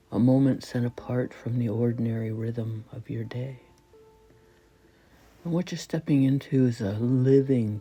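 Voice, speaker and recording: A woman guides a slow spoken meditation, her voice soft and breathy and often dropping to nearly a whisper. She speaks with reverence in short, measured phrases, and her voice has a rumbling low quality.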